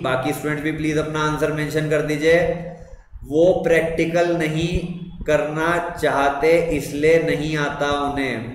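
A young man with an Indian English accent teaching a live online computer class, repeating questions and praising students' answers. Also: fairly high pitch. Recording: echoey room with faint noise.

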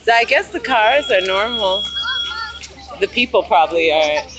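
An American woman talks casually as a citizen journalist on a livestream. She speaks at a middle pitch, moving between interview questions and commentary. She is outdoors, recording on a handheld phone. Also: animated, normal speed, highs cut off, noisy background. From United States, Los Angeles. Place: outdoors at night by a busy street memorial. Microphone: handheld phone, behind the camera.

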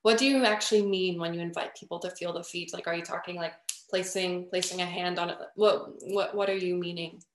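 A woman's voice: lowish voice, steady tone, fairly quick. A woman hosting an interview, asking curious, probing questions. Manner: curious, questioning, frequent affirmations. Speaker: interviewer, host. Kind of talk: conversational interview. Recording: roomy echo.

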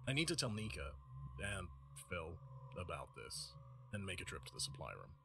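Rattled, lively-pitched cinema clerk, noisy capture. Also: male voice, moderate pace, creaky, heavily acted. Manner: sarcastic, exasperated. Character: rattled, foul-mouthed young male cinema ticket clerk. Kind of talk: naturalistic horror game voice acting. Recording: noisy game stream capture.

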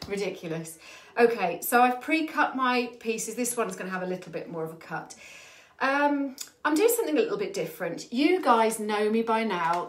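A woman's voice: fairly high pitch, a little hiss or hum. A British woman hosting a live furniture-painting stream, out of breath and chatty, greeting her viewers by name. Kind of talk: live demo chat with viewers. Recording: echoey room.

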